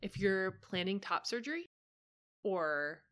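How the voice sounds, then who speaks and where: A woman's voice: medium pitch, very animated, slow, fairly bright tone. A woman in a mid-range voice co-hosting a chat podcast. She reads a listener letter aloud and adds her own points in a friendly, chatty way. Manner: friendly, chatty, laughs easily. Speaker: podcast co-host.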